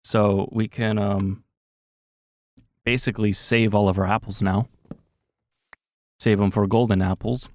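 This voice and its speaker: Low-voiced man rambling through gameplay commentary. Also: level tone, unhurried, long pauses, a little mellow. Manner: rambling, self-correcting, with many fillers. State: slightly sore throat. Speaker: gaming commentator.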